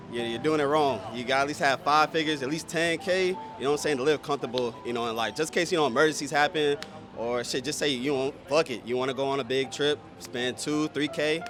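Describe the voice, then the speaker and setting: A man in his late twenties from the United States, giving slangy, laid-back advice in a street interview. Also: fairly high pitch. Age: 20s.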